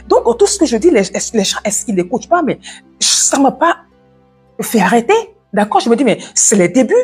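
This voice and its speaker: A woman with an African French accent giving a fast, loud, energetic devotional talk and swallowing some of her words. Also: on the high side, slightly rough, faint music behind.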